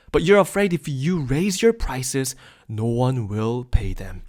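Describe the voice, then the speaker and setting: A South Korean man in his thirties hosts a webinar, giving an upbeat and persuasive sales pitch from a script.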